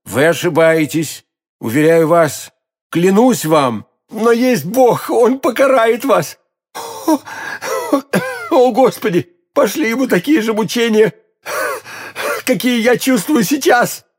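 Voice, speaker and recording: Brief: frantic dying soldier, shrill wailing, cursing in agony, voiced by a male reader. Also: expressive, slow, breathy edge, full character voice. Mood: anguished. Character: dying poisoned soldier, frantic, accusing, anguished.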